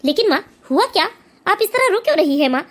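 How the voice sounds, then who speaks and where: A woman's voice: very high-pitched, very animated, fast talker. A woman voicing a devoted young son in a cartoon, speaking earnestly and pleadingly. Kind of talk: cartoon voice acting.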